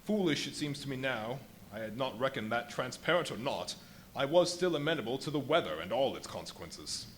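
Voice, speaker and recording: A man performs the feverish, volatile scientist of a live radio play, boastful and theatrical. His mid-pitched voice swings widely through ornate confessions, with emphatic pauses. Background noise from the live venue runs under it. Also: expressive, close to an everyday voice. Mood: agitated. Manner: dramatic, literary phrasing with emphatic pauses.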